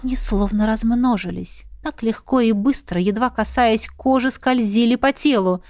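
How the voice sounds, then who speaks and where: A woman narrating an audiobook in the first person with even, expressive storytelling. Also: fairly high pitch, normal speed, dry recording, studio quality.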